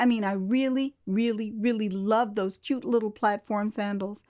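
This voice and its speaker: Telling her own life story like a theatrical audio drama, this American woman speaks in a mid-range voice. She is expressive, stretching out key words and sprinkling in casual side comments.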